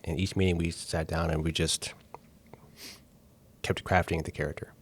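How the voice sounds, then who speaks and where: A man, a film director, talking casually and excitedly on a podcast with many restarts. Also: low voice, normal speed, slight background noise. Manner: enthusiastic, rambling with restarts.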